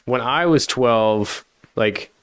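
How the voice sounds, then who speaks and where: Smooth-voiced man hosting a podcast. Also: mid-range voice, slow pace, no room sound. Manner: easygoing, asks short questions. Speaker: podcast host. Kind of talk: casual interview chat.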